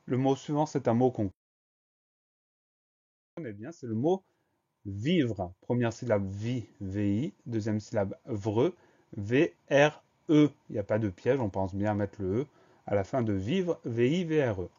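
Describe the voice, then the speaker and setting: A man walks through a dictation lesson at a patient, methodical pace, spelling words out letter by letter. His voice sits at an ordinary middle pitch. The recording is a bit dull and lo-fi. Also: lively intonation, measured pace, dark tone. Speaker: French teacher.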